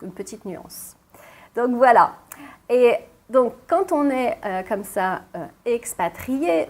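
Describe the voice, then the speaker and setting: A woman teaching French in a casual vlog, explaining slowly and clearly, rephrasing and repeating for learners and speaking to them directly with encouragement. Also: a little high, darkish tone. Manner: encouraging, addresses viewers directly.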